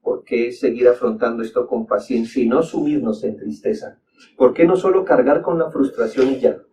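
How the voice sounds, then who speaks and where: A man's voice: mid-range voice, moderate pace, warm tone. A man preaching a sermon as a pastor, speaking earnestly with repeated exhortations and emphatic rises. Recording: dull distant mic with faint background noise.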